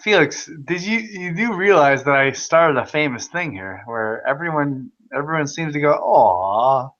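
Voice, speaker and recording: Loud, profane man on a dull line. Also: on the high side, animated, unhurried. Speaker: host. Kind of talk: casual video chat.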